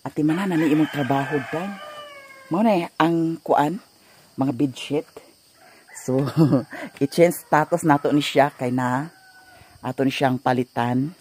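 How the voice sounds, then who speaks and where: Hoarse Cebuano-accented vlogger joking slowly. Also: medium pitch, a little mellow, a little hiss or hum. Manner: joking, teasing, breaks into song. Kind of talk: casual chat while doing laundry.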